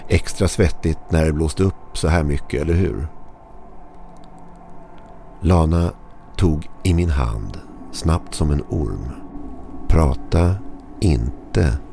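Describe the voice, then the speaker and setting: Deep creaky guy reading a scary story, slow and ominous, dark tone. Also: a little hiss or hum. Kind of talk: scripted horror story narration.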